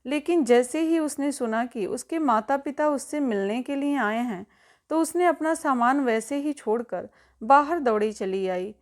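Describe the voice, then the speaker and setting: A woman with a high voice tells a family drama as scripted narration. She reads at an even pace and speaks each character's lines herself. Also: unhurried. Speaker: storyteller.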